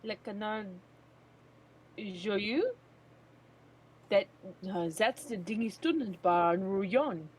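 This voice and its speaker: A woman's voice: medium pitch, lively intonation, slow pace, long pauses, darkish tone, a little hiss or hum, poor audio. A woman voicing a polite, slightly flustered male sparrow assistant in a video game, courteous and hesitant. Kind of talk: video game character voice read aloud.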